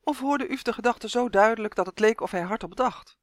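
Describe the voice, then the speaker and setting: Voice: medium pitch, brisk, dry recording. Dry, close storybook narrator. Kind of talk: audiobook narration of a children's novel.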